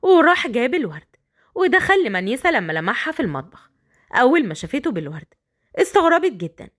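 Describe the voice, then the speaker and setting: A woman with an Egyptian accent narrating a dramatic story in a lively, brisk way. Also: high voice.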